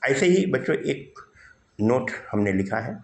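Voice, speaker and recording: A man teaching a grammar class with a mid-pitched voice that moves up and down a lot. He walks through each point step by step, putting questions to the students and answering them himself. The sound carries a noticeable room echo. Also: very animated, unhurried, a little mellow. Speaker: English teacher. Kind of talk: classroom grammar lesson in Hindi. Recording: roomy echo.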